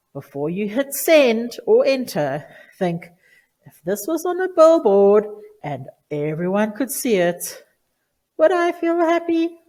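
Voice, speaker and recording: A woman teacher speaks to children in a low, steady register. Her delivery is clear and deliberate, and she leans on key words to drive each rule home. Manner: clear, deliberate instructive delivery with emphatic stresses. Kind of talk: lesson for children on online manners.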